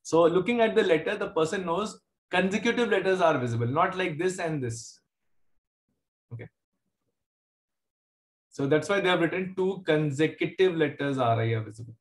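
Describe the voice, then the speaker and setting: A man's voice: fairly high pitch, moderate pace, pauses often. A man with a South Indian accent teaching an informal online class as a maths teacher, conversational and joking with his students. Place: indoor room, online video class. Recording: roomy, echoey online class audio.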